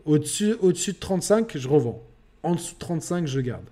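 A man's voice: a little high, brisk. A man hosting a casual gaming podcast, rambling with many fillers. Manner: rambling, lots of fillers, gets excited and laughs. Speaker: podcast host.

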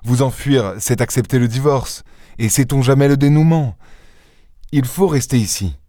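A man voicing a calm, commanding gentleman who speaks firmly and reassuringly in an audiobook. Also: mid-range voice, no room sound, clean studio sound, pitched above the performer's own voice, natural voice. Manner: firm, reassuring, measured. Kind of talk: audiobook character reading.

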